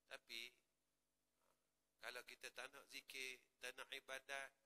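A man with a Malaysian Malay accent preaching in a prayer hall, switching from quiet asides to loud rising exclamations. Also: mid-range voice, flat delivery, unhurried. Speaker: religious teacher. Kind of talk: mosque sermon.

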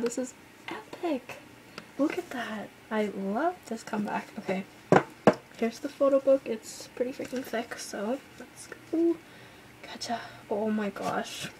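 Gushing young woman, slow-talking, noisy recording. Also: a little high, a little mellow. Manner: gushing, exclaims often, drops to whispers. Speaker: vlogger unboxing an album. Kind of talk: excited unboxing chatter.

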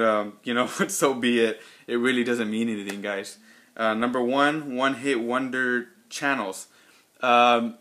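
Bright-voiced Texan man rambling through a vlog. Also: mid-range voice. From Texas. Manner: rambling, many ums and restarts. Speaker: fragrance reviewer. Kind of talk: casual unscripted vlog response.

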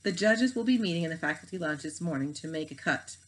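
A woman's voice: sits low, animated, fast, poor audio. A woman doing a stern, proper homeroom teacher. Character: stern middle-aged female homeroom teacher.

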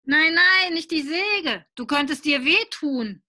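A woman's voice: high-pitched, lively intonation, measured pace, sharp tone, full character voice. A woman voicing a distracted father who warns mildly from behind his newspaper in a picture-book reading. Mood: cheerful. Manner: mild, absent-minded warnings.

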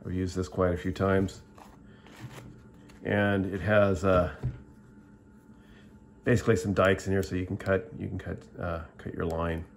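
A middle-aged product reviewer speaks in a low, level voice with vocal fry, a little slowly and with frequent pauses. Filming the tabletop indoors, he gives a casual, rambling show-and-tell, plainspoken and often restarting sentences, with slight background noise.

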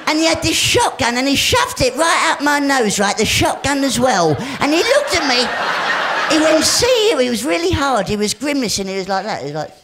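A man with a squeaky voice performing a rambling stand-up comedy routine, punctuating his stories with "right?". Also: sing-song, moderate pace, noisy background. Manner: rambling punchy storytelling with "right?" tags. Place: live comedy stage before an audience. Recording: live show with loud crowd laughter and music.

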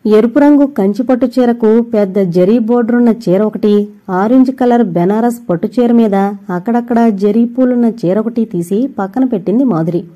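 A woman narrating an audio novel in a steady, scripted storytelling reading. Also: on the high side, normal speed, muffled recording.

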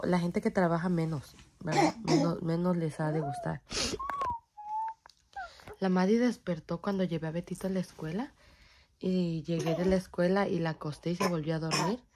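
A woman's voice: fairly low pitch, background noise. A young woman, chatting casually to her phone camera at home as a mother and vlogger, teasing and swearing now and then. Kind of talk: casual home vlog chat. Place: home bedroom.

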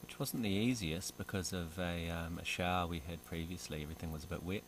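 Deep low voice, man, wry easygoing talk, faint outdoor noise. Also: fairly even intonation, a little fast. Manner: laid-back, wry. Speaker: landowner and hunting companion. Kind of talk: casual chat. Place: outdoors at a forest campsite.

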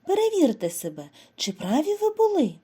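Ukrainian woman as a primary teacher, slow and sing-song, soft mellow tone, lively pitch. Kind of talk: scripted lesson narration for young children.

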